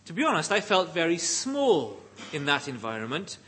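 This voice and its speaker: Preaching slowly, a middle-aged Welshman stresses every phrase on purpose. His voice is husky and fairly high, rising and falling in broad, lively swings.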